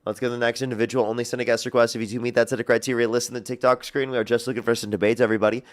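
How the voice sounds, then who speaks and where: A man hosting a livestream debate, screening callers in a fast, repetitive patter. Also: mid-range voice, little pitch movement. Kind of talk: casual livestream talk.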